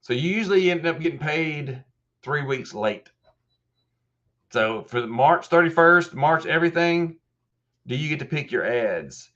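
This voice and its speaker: With dull audio, a man in his fifties hosts a live question-and-answer help desk stream, explaining casually step by step with many restarts. His voice is a little high and a bit bright, animated but a little slow.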